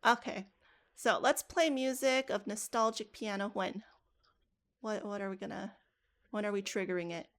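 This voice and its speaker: A woman's voice: medium pitch, fairly even intonation, moderate pace, long pauses, a bit bright. A woman running a live coding workshop for teachers, casual and talking through each step aloud with frequent restarts. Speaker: teacher trainer.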